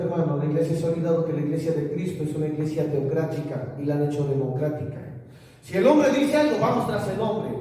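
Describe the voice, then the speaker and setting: Man, emphatic sermon, dark mellow tone, long reverb of a big church hall. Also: on the high side. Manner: emphatic, rising to loud exhortations. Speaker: preacher. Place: church sanctuary. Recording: echoey hall, speaker far from mic.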